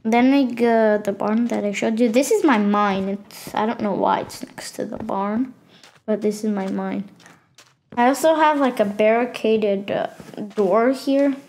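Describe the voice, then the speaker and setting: A woman's voice: on the high side, fairly even intonation, a little slow, a little mellow. A woman hosting a gaming channel, giving a casual tour of her game world and stopping often with fillers and self-corrections.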